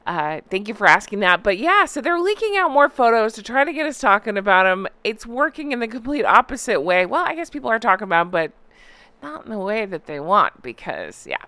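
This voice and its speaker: A woman's voice: mid-range voice, sing-song, a little fast, sharp tone, dry recording. A woman hosting a gossip recap in a casual, chatty, opinionated way, with a sarcastic, mocking and exclamatory delivery. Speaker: host of a celebrity gossip recap channel.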